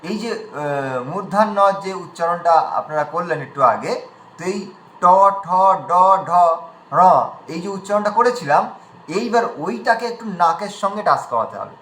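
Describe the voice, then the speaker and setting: A man's voice: high-pitched, animated, normal speed, a bit bright, roomy sound, a little hiss or hum, rough recording. A man teaching pronunciation in an online class, patiently demonstrating sounds one at a time.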